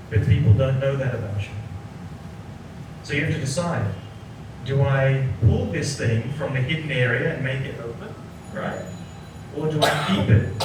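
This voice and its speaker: A man in his forties, from Sri Lanka, a psychologist giving a workshop lecture who keeps checking in with the audience by asking "right?". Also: a little high. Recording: echoey room, voice from a distant mic, noticeable background noise.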